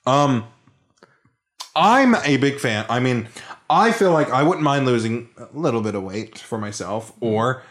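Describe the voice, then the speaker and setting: A man with a loud voice chatting as a podcast guest, joking and sarcastic. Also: medium pitch, lively intonation, a little slow. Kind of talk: casual chat.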